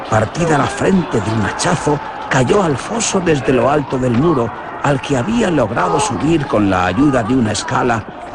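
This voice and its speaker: Here a man gives a dramatic, theatrical reading of a radio horror drama, with wide leaps in pitch, on a noisy recording.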